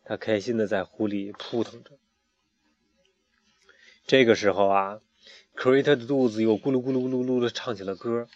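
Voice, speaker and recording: A man reading a children's picture book aloud, drawn-out phrasing with fillers, on a muffled recording. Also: fairly low pitch, steady tone. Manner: warm, drawn-out, with hesitation fillers. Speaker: storyteller.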